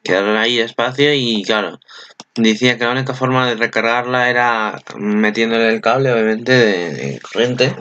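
A man's voice: on the low side, a bit bright, no echo. A young man from Spain with a Spanish accent, giving casual, rambling commentary on an anime preview with lots of filler tags.

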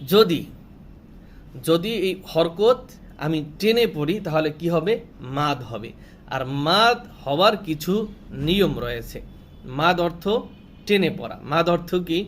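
Slightly high man teaching, repeating rules. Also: slight background noise. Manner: repeats each rule slowly, asks and answers his own questions; draws out vowels when demonstrating. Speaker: Quran reading teacher. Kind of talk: step-by-step recitation lesson.

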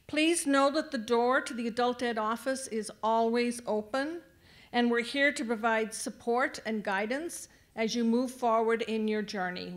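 A woman speaking at a graduation ceremony, addressing the graduates and guiding them through the tassel ritual from a podium microphone in a large venue. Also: a little high. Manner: warm, directing the crowd with instructions. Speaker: adult education staff speaker at graduation.

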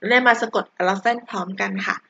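A woman teacher explaining English words to children, gently repeating each word and coaxing them to spell. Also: mid-range voice, steady tone, a little fast, vocal fry, slightly rough, no echo, lo-fi sound. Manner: gentle, repeats words, polite sentence endings.

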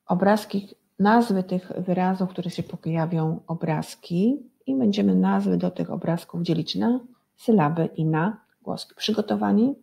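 A woman's voice: fairly low pitch, measured pace, gravelly, dark tone. A woman teacher giving a recorded lesson for young children, patiently spelling words out sound by sound and asking the class to repeat after her. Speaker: primary school teacher.

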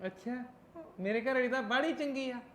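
A woman's voice: high voice, brisk, natural voice. A woman playing a short-tempered husband who nags and scolds his wife. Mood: scolding. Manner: nagging, scolding.

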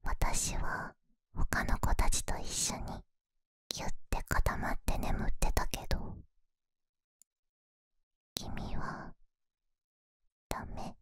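A woman's voice: slow pace, pauses often, no echo, studio quality. Woman as a shy whispering animal-eared girl, pillow-talk role-play. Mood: affectionate, sleepy. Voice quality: breathy whisper. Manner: soft, intimate, hesitant pillow talk. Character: shy, once wary young animal-eared girl, now affectionate. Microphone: close, dry microphone.

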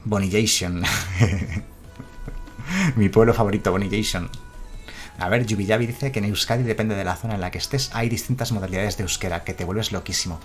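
A man's voice: lowish voice, quick pace, hardly any pauses, faint music behind. A man from Spain, chatting casually on a live stream and reading out chat messages.

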